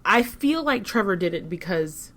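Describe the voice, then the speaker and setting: A woman co-hosting a podcast in casual discussion, measured and critical, often restarting her sentences. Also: medium pitch, animated, fairly bright tone. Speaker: podcast co-host.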